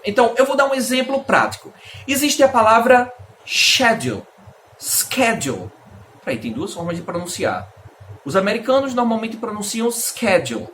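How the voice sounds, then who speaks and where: A man's voice: high-pitched, fairly bright tone, slight background noise. A Brazilian man, an English teacher, explaining in a casual video lesson and answering his own questions. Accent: Brazilian Portuguese.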